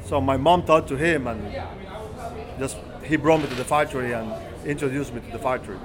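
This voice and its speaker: Recorded against the chatter of a busy bar crowd, this Cuban cigar maker gives a casual interview as a guest in a cigar bar. He has a medium pitch and a halting delivery, rewording things often.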